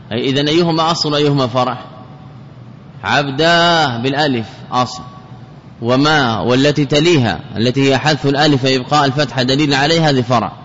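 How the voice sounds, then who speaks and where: Man lecturing on grammar, repeats examples over and over, dull recording, big echo, bit of hiss. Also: medium pitch. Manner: repeats key words and examples slowly, chants quoted verses. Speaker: sheikh teaching grammar. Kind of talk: traditional lecture explaining a grammar text. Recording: muffled lo-fi lecture recording with long reverb.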